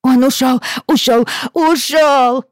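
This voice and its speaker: A woman voicing a small girl wailing and sobbing in panic, with high drawn-out cries. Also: little pitch movement, mellow, no room sound, studio quality. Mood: sobbing, panicked.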